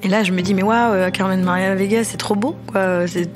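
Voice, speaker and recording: A woman in her thirties telling her personal story in an interview, lively and informal. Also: mid-range voice, music in the background. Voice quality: lively, informal, fast bursts. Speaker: interviewee, singer.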